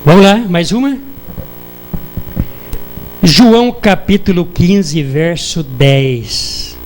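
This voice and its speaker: High-voiced Brazilian preacher questioning his flock. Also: drawn-out words, a little hiss or hum, rough recording. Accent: Brazilian Portuguese. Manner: asks the congregation rhetorical questions. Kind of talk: sermon. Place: church.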